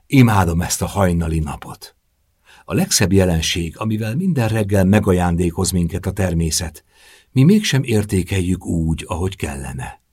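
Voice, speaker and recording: A man voicing a gentle, wistful young woman in love, with a soft, dreamy and pleading manner, in an audiobook reading. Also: low-pitched, lively intonation, breathy edge, dry recording. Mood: tender, wistful.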